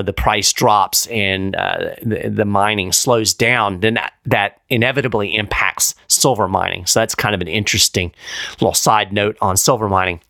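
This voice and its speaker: A man's voice: lowish voice, vocal fry, pushed and bright, no room sound, clean studio sound. A man hosting a weekly precious-metals show, explaining figures in a casual, conversational way with frequent fillers. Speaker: podcast host. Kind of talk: casual market commentary.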